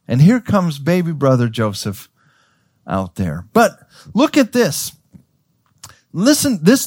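In studio-quality audio with no echo, a man with a slightly high voice preaches a sermon as pastor. He tells the story conversationally, stammering and restarting, and acts out the characters' voices.

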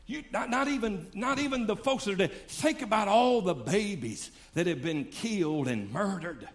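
A man's voice: sits high, expressive, moderate pace. An older man preaching a sermon in a fervent, folksy way.

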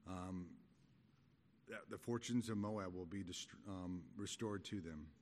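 Low-voiced man teaching in an echoey hall. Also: a little hiss or hum. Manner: halting, conversational, explanatory. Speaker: Bible teacher. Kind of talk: expository Bible study sermon. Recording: echoey hall with long reverb.

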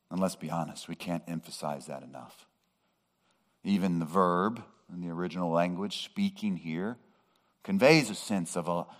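Male pastor, deep low voice, slow and deliberate sermon delivery with emphatic rises. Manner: slow, measured preaching that rises to emphatic peaks.

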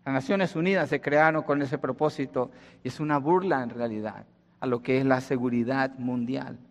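A man's voice: medium pitch, fairly even intonation, normal speed, lo-fi sound. A man from Colombia preaching a sermon in a conversational way, asking rhetorical questions and rising in emphasis. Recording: long hall reverb.

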